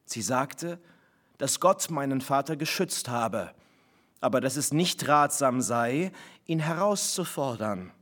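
A man, an author, reading his novel live in measured, reflective first-person narration. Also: mid-range voice, expressive, fairly bright tone. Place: live reading in a broadcasting house.

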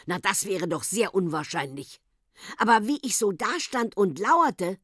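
A woman's voice: mid-range voice, animated, unhurried, a bit bright, no room sound, studio quality. A woman voicing a stubborn, cheeky young boy in a storybook reading, plain and matter-of-fact. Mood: recounting.

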